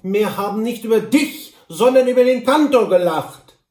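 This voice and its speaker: A man's voice: sits high, lively intonation, moderate pace, a little mellow, echoey room, far from the mic, voice pushed up. A man voicing a jovial, teasing, stout frontiersman with an Altenburg accent, hearty and coaxing. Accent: Altenburg dialect.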